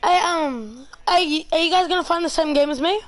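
Young gamer, high voice, crude teasing chat. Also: brisk. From Lebanon. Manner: crude teasing banter, lots of swearing. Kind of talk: casual gaming chat.

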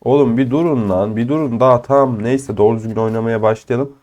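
A young man with a cold, giving casual, excitable commentary over his own shooter gameplay, swearing and teasing opponents. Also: medium pitch, a little fast. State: ill with a cold. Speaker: gaming channel host.

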